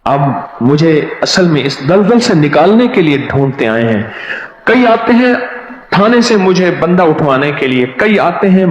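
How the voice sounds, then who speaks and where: A man preaching a sermon, telling stories with quoted dialogue in an animated way. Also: on the high side. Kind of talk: sermon storytelling. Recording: echoey hall, dull lo-fi sound.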